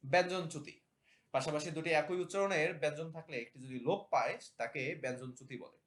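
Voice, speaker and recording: A male teacher giving a recorded online grammar lesson. He explains step by step, slows down to spell out example words, and often pauses with "uh" fillers and restarts. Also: on the high side, a bit bright.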